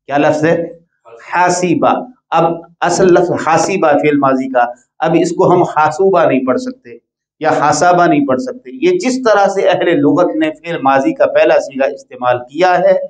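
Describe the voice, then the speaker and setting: A man's voice: a little high, echoey room, rough recording. A man teaching Arabic grammar in a classroom, patiently repeating and drilling each word pattern for his students.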